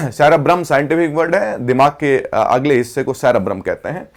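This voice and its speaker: A man with a slightly high voice teaches English vocabulary, explaining each word in Hindi, reading the English definitions slowly, and having the class repeat after him.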